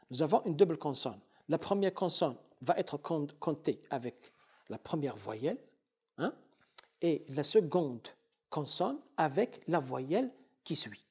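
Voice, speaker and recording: Slow, husky-voiced male professor lecturing. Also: fairly high pitch, darkish tone. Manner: deliberate, repeats and spells out syllables as examples. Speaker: university professor. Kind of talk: university lecture.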